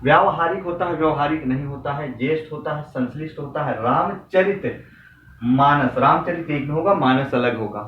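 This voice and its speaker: Hindi teacher in an echoey room. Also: male voice, on the high side, expressive, normal speed. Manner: earnest, repetitive, drilling correct and wrong forms; motivating, addresses students directly. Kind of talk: exam-prep spelling lesson. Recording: echoey room, from a distance, dull sound with faint noise.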